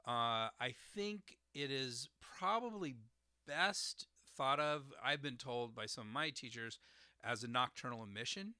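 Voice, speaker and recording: A man's voice: mid-range voice, unhurried, bright, forceful tone, no echo, studio quality. A man hosting an educational podcast, carefully explaining terms, spelling out words and tones, with frequent uhs. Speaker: podcast host explaining herbal formulas.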